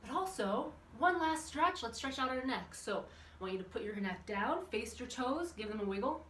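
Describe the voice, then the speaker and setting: Instructing a children's workout, a woman keeps up friendly, encouraging chatter and poses questions to the viewers. Her voice is animated, somewhat high, a bit bright, and at normal speed, captured by a far-off camera in an echoey indoor room with windows open and background noise.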